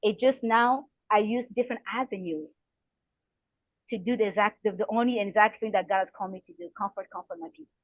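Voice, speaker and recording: A middle-aged woman from the Republic of the Congo, a coach and counselor, offers motivational advice as an interview guest, earnest and encouraging, repeating phrases for emphasis. She speaks a little fast in a mid-range voice, and the recording is dry and dull.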